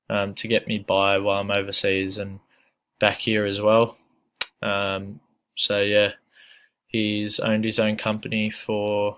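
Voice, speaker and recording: A young man from Australia with an Australian accent, giving a casual, hesitant self-introduction full of fillers. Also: lowish voice. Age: young adult. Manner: relaxed, hesitant with many fillers. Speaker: student.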